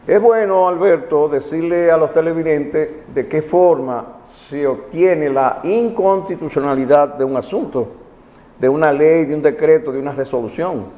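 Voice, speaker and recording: A Dominican man with a Caribbean Spanish accent, a magistrate serving as legal commentator on a TV programme, explains legal matters in a teaching manner and repeats his key points. His voice sits on the high side, mellow and at a moderate pace. The sound is reverberant, like a hall.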